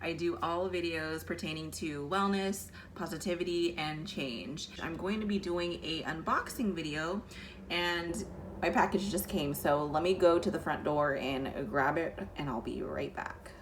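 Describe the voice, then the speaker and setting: A woman's voice: low-pitched, slight background noise. Chatty young woman vlogging at home. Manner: chatty and bubbly, quick asides. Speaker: wellness vlogger. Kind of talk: casual vlog chat. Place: home, indoors.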